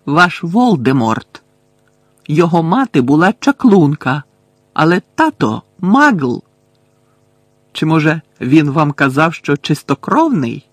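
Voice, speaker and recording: A man's voice: a little high, big pitch swings, slow pace, dry recording, exaggerated voice. A man voicing a defiant teenage boy wizard in an audiobook, speaking up boldly and stalling for time.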